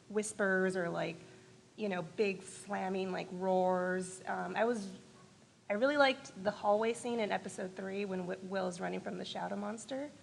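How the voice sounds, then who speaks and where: A young-sounding assistant editor chats on a panel with plenty of vocal fry. She laughs through her stories and peppers them with "like." Her pitch is middling and her talk animated. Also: a little hiss or hum. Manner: giggly, animated, says "like" often. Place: live event hall.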